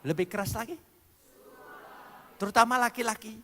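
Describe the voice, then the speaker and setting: A male pastor preaching a sermon with animated, playful delivery, spelling out words letter by letter and swinging between loud and soft. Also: high-pitched, moderate pace, big-room sound. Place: church hall.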